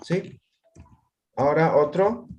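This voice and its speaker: His voice sits a little high and a little mellow, with lively intonation and an unhurried pace. He's running an online language lesson, quizzing students and constantly checking comprehension with tag questions.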